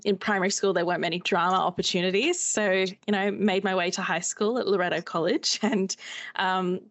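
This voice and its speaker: A woman's voice: lowish voice, no room sound. An Australian woman speaking as an interview guest in a casual, informal, self-deprecating way. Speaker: interview guest, theatre maker.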